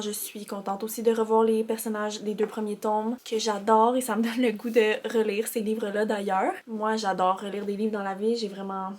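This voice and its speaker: A woman's voice: on the high side, darkish tone, slight background noise. A young woman with a Québécois French accent, chatting candidly about books in a casual vlog voice-over while coming down with a sore throat. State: starting a sore throat and a cold. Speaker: book vlogger.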